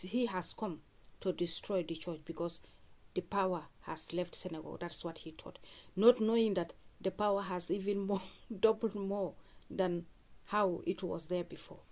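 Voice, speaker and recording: Female host, lower register, conversational reaction commentary, recaps each clip for viewers. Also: steady tone, normal speed, a little mellow. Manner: recaps and repeats what was said, addresses viewers.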